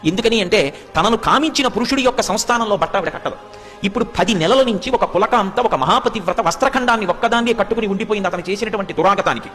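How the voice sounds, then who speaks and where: A man's voice: high-pitched, quick pace, a bit bright, big-room sound, faint music behind. A man giving a devotional storytelling discourse with fervent rhetorical questions and chanted verses. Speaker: religious discourse speaker.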